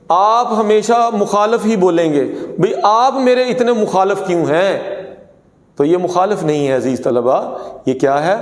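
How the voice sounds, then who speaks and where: A man teaching a pronunciation lesson, saying words slowly and contrasting wrong and right forms. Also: high voice. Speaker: Urdu teacher. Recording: echoey room with long reverb.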